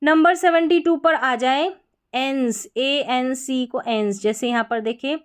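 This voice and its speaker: A woman from India teaching an English spelling lesson, slowly sounding out words syllable by syllable. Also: sits high, fairly even intonation, clean tone.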